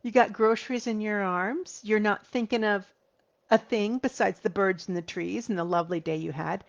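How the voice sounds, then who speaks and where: A woman in her forties, a grief therapist, speaking earnestly to viewers, slowing down and dropping to a soft whisper for emphasis. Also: medium pitch, gravelly. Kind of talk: heartfelt talk to viewers. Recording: slightly dull lo-fi recording.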